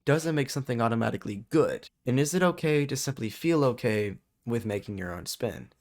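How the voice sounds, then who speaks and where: A man's voice: mid-range voice, animated, fairly quick. A man narrating a comedic video essay, sarcastic and jokey, full of rhetorical questions.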